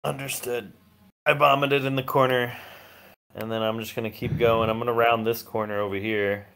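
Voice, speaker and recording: A man's voice: medium pitch, flat delivery, moderate pace, vocal fry, a bit bright, smooth. A man chatting casually as a player in a tabletop role-playing game.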